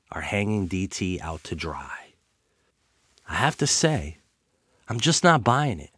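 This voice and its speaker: A man's voice: medium pitch, fairly bright tone, no echo, clean studio sound. A man hosting a political talk show and street interview, sick with a worn voice, speaking in a brash, profane, tough-guy way. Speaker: podcast host interviewing a guest.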